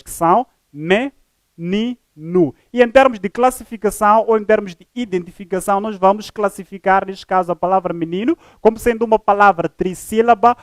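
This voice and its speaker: Guy teaching grammar live, slow formal delivery, spells out syllables, kinda high voice. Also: no echo, studio quality. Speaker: teacher presenting a live program.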